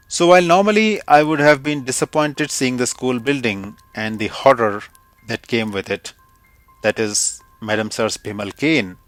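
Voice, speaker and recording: A man from India, narrating an audio story in a measured, reflective way. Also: mid-range voice, fairly bright tone. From India, Kumaon Himalayas.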